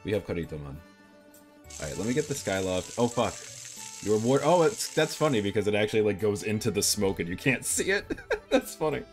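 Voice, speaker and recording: A man's voice: fairly low pitch, sing-song, brisk, faint music behind. A man streaming live as a VTuber, chatting casually in a playful, rambling way and swearing freely.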